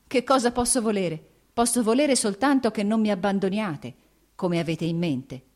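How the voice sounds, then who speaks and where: A woman's voice: medium pitch, normal speed, darkish tone, voice pushed up, natural voice. A woman reading the lines of a proud, jealous young noblewoman, impassioned and accusing. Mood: wounded.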